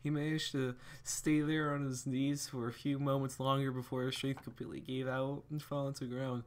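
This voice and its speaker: A young man with a mid-range voice reads fan fiction aloud casually, fairly quick and flat in delivery. He stumbles over words, corrects himself, and adds chuckling asides.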